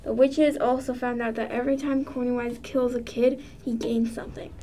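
A woman reading aloud a short spooky story, in a plain, steady storytelling manner. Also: on the high side, normal speed, a little hiss or hum. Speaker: story reader.

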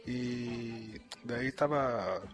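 A man's voice: medium pitch, drawn-out words, over loud music. A young man, giving his opinions in a rambling, slangy way as a podcast co-host. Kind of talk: casual chat.

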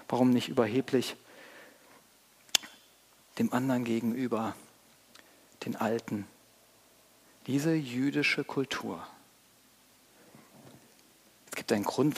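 A man's voice: medium pitch, breathy edge. A man preaching a sermon as pastor, earnest and speaking straight to his congregation with questions. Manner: earnest, addresses congregation directly with rhetorical questions. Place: church. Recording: long church reverb.

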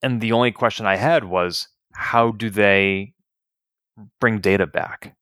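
Brief: male podcast co-host, low voice, dry close mic, opinionated, analytical, casual. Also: a little slow, a bit bright, dry recording. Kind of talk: casual chat.

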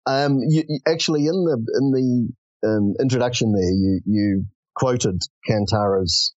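A man's voice: medium pitch, measured pace, a little mellow, no room sound, muffled recording. A man with a New Zealand accent, a podcast guest explaining his organization in a conversational, hesitant way with many fillers. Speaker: podcast guest, executive director. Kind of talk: conversational interview.

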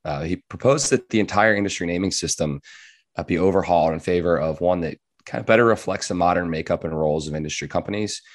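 A man with a low-pitched voice hosts a casual podcast. His voice is hoarse and raspy, as if it is giving out. He talks informally and keeps a joking tone. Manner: informal, jokey. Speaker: podcast host.

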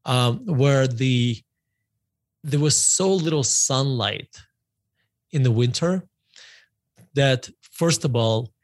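A man's voice: medium pitch, slow pace, long pauses, no room sound. A middle-aged man from Russia, a native Russian speaker, talking as a guest author in a podcast interview, rambling and often correcting himself. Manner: rambling, self-correcting, repeats words.

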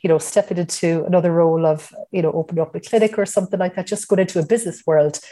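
Middle-aged woman, west of Ireland accent, rapid chatty delivery, mellow lowish voice for a podcast guest. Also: fairly even intonation. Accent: west of Ireland (Mayo). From County Mayo, west of Ireland. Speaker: interview guest, hospital emergency consultant. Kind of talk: conversational podcast interview, personal reflection.

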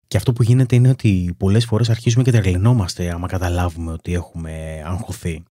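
A man talks as a coach in a self-help lesson, laying out his points one by one in a calm, methodical way. His voice sits low with a mellow, slightly husky tone. The recording is dry and close. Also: dry recording. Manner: calm, explanatory, steady teaching with lists and examples. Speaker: weight-loss coach. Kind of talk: self-help talk to camera.

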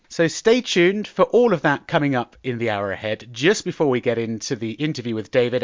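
A man's voice: mid-range voice, no room sound. A man hosting a podcast in a presenter's conversational style. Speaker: podcast host. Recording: dull, close dry audio.

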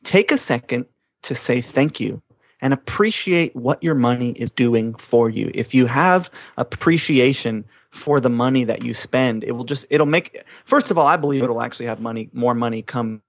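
An earnest man co-hosts a casual podcast and speaks encouragingly, sometimes restarting his sentences. His voice has a gravelly edge, and the recording is dry and close with no room sound. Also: medium pitch, animated, moderate pace, no echo. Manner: earnest, encouraging, a little hesitant. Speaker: podcast co-host.

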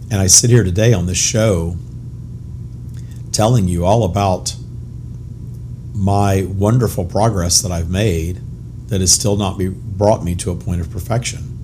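A middle-aged man hosting a podcast monologue as a spiritual coach, his voice hoarse, raspy and whispery, as if nearly lost. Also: deep voice, darkish tone, slight background noise. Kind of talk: informal motivational monologue.

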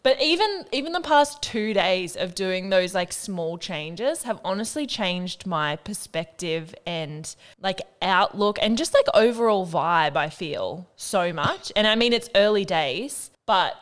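A woman talks in a medium-pitched voice. She co-hosts a podcast in a casual, conversational way. Her manner is candid and informal. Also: animated, measured pace, hardly any pauses, a bit bright. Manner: candid, informal with mild swearing. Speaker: podcast co-host. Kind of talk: casual chat.

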